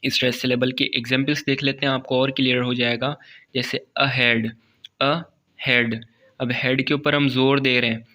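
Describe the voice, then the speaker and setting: A man teaching a grammar lesson from slides. He talks patiently, repeats each term and adds a quick "okay" often, and reads English definitions slowly before he explains them. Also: medium pitch, flat delivery, sharp tone.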